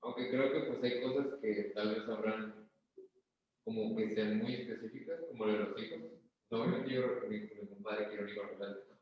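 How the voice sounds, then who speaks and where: A man with a fairly low voice answers in a church group discussion, thinking aloud and hedging as he goes. He sounds far from the mic, and the recording is dull and very echoey. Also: fairly even intonation, fairly quick. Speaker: study group participant. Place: church meeting room.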